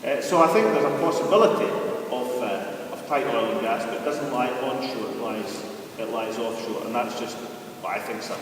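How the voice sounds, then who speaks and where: A man's voice: mid-range voice, expressive, normal speed, slight background noise. A man giving a wry, conversational speech to an audience, with hesitant fillers. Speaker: public speaker. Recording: echoey hall from far off.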